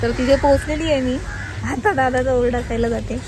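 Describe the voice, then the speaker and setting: High-voiced chatty woman. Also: steady tone, brisk. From Alibag, Maharashtra. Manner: chatty, teasing, playfully scolding. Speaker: vlogger. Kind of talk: casual vlog narration and chat. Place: outdoors in a coastal fishing village. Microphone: handheld phone with headphones. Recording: noisy outdoor phone recording.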